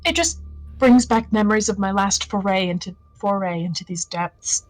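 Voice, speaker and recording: A woman's voice: mid-range voice, normal speed, no room sound, soft background music, lightly acted, low-quality recording. A woman voicing a breezy, joking young woman. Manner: cheerful, joking and unbothered. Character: upbeat young woman ghost hunter. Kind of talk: fan voice drama.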